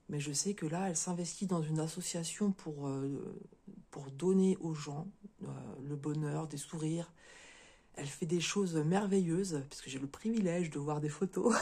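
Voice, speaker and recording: Lady vlogging, bit hoarse, dark mellow voice, lots of euh and restarts. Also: low voice. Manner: hesitant, many fillers and restarts. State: slightly hoarse. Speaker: crafting video creator. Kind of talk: casual unboxing chat to viewers.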